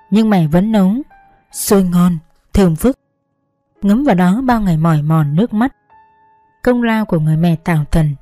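Warm-voiced woman narrating a sad story. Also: mid-range voice, no room sound. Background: faint background music.

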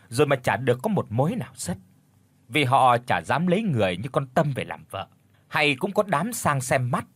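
A man narrating a village horror story in a lively, gossipy way. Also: mid-range voice, slightly rough, no echo.

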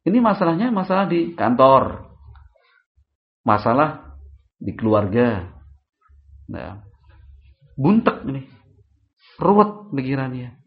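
A man's voice: medium pitch, takes it slowly, pauses often, muffled recording. A man giving a religious study lecture, talking animatedly and asking his listeners questions. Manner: lively, rhetorical questions to the audience. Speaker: Islamic preacher.

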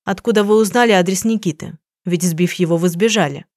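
A woman reading an audiobook, voicing a cool, sharp female private detective with a calm, dry, cutting manner. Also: fairly low pitch, fairly quick, no room sound, close to an everyday voice. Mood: stern.

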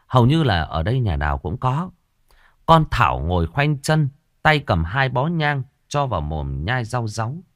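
A man telling a ghost story with dramatic flair. His pitch moves a lot as the tension builds, and the recording is dry and close, with no room sound. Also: no echo. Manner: dramatic, expressive. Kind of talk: horror story narration.

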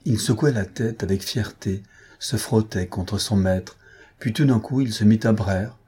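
A man narrating a story aloud with calm, measured delivery. His voice is low and husky, with a dark, mellow colour.

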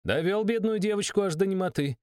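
Brief: loud, defiant young woman mage, done by a male narrator, high and rough. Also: sing-song, brisk, dry recording, studio quality. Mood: angry. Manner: rude, shouting, defiant.

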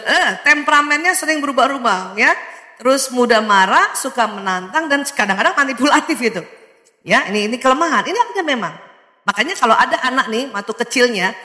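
A woman with a high, bright voice gives a lively parenting talk to mothers. She keeps questioning her audience and laughing. Her voice rings through a large, reverberant hall. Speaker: parenting speaker. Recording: echoey hall with long reverb.

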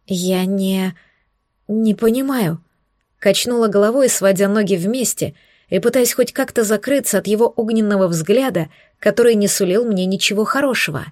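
A woman reading a first-person romance audiobook in a soft, intimate, hushed way. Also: medium pitch, fairly quick, no room sound, clean studio sound. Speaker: narrator.

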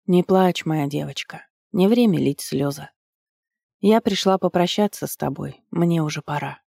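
A woman doing a soft-spoken goddess mother. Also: low voice, normal speed, gravelly, no echo, studio quality. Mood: tender, sorrowful. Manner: soft, hushed, gentle. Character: tender ancient goddess mother, soft and loving.

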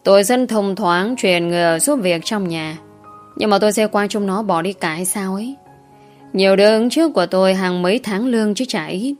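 A woman's voice: mid-range voice, a little fast, soft background music, lightly acted. A woman voicing a lecherous old male landlord who talks bluntly and mockingly. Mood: haughty.

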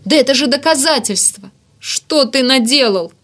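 A woman voicing a greedy, hot-tempered male newspaper editor who shouts and pleads indignantly. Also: deep voice, fairly even intonation, fast. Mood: indignant shouting.

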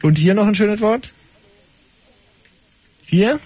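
A man hosting a fast call-in radio show, wry and brisk, cutting callers short. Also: high-pitched, a little mellow, husky.

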